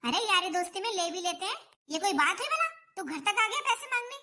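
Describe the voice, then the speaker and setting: A bright, very high-pitched voice snaps and scolds as a stubborn mother-in-law in a home drama skit, acted by a woman. She brushes people off and argues back without pause. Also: lively intonation, exaggerated voice. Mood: dismissive. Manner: scolding, dismissive. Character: nagging middle-aged mother-in-law, stubborn.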